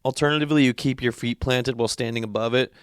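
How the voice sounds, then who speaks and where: A young man from California trades loose, profane banter as a podcast co-host. His voice is smooth and resonant, close on the mic in a dry, deadened room, at an everyday middle pitch. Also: steady tone, quick pace, dry recording. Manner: loose, profane, laughs easily. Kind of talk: casual chat.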